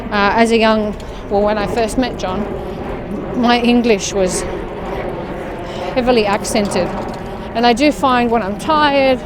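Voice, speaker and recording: Walking through an outdoor park, an Australian woman guides a walking workout and chats casually along the way, as a fitness vlogger would. Her pitch is fairly high, and the background is noisy.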